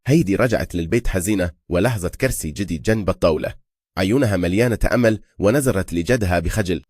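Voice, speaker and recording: Deep, fast-talking male recap narrator. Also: a little mellow, husky, no echo, clean studio sound. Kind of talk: scripted film recap narration.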